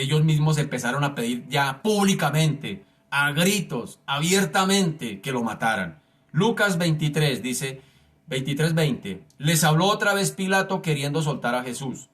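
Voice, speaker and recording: A man's voice: fairly high pitch, fairly bright tone. A man preaching a sermon, reading scripture aloud and speaking emphatically and directly to his listeners.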